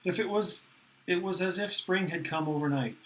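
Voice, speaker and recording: A man narrating a novel aloud in the first person, with a steady, earnest reading manner. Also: sits high, moderate pace, slight background noise, rough recording.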